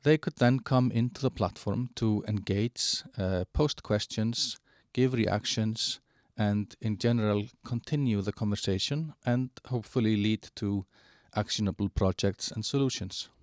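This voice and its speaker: A man giving a halting walkthrough of an online platform, with many fillers and restarts. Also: fairly low pitch, a little mellow, dry recording, studio quality. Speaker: presenter of a digital platform. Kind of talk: screen-share product walkthrough.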